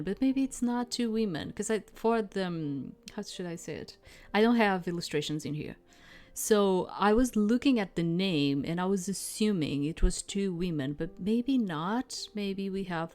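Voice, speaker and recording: Woman doing a game read-through, bit low voice, expressive w/ casual comments, faint music. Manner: reads story expressively, breaking off to comment. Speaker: streamer reading a visual novel aloud. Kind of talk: narrated game playthrough with casual asides.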